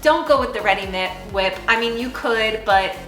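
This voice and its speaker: A woman's voice: fairly high pitch, lively intonation, moderate pace. A woman hosting a cooking show, bubbly and chatty as she demonstrates a recipe. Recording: echoey room with loud music.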